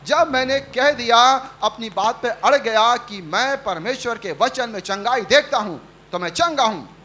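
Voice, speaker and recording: High-voiced preaching man. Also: expressive, measured pace, pushed and bright, slight background noise. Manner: repetitive call-and-response preaching, acting out quotes. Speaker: pastor. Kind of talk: Hindi sermon. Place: church service.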